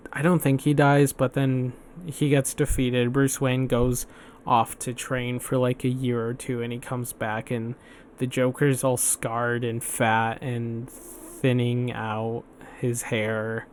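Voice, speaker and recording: A man's voice: mid-range voice, flat delivery, takes it slowly, slight background noise. A man hosting a solo podcast, chatting casually and rambling, swearing and restarting his sentences often. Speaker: podcast host.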